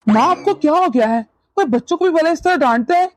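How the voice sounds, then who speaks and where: A woman's voice: high-pitched, expressive, fast. A woman voicing a stern young husband and son in a cartoon who questions and scolds. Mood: worried.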